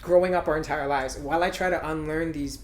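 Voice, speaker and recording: A man hosting a podcast, talking through his thoughts in a reflective, halting way with lots of fillers. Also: fairly high pitch, steady tone. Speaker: podcast host and musician. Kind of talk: casual conversation. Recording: roomy echo.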